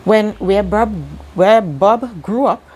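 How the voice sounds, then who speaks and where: Her medium-pitched, darkish voice moves slowly as this Trinidadian-accented woman hosts a self-help video. She teaches earnestly in a motivational monologue, repeating important words for emphasis.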